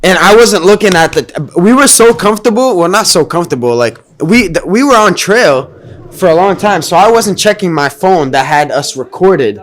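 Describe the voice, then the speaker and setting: A man's voice: sits high, animated, moderate pace. A man in a casual chat, recounting a hike in slangy, filler-heavy speech. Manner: slangy, filler-heavy, says "bro" and "you know". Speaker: hiker recounting a climb.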